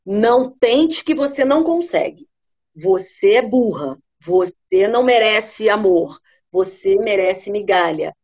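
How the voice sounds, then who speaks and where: A woman voicing a slow, belittling inner critic. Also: medium pitch, lively intonation, a little mellow, highs cut off.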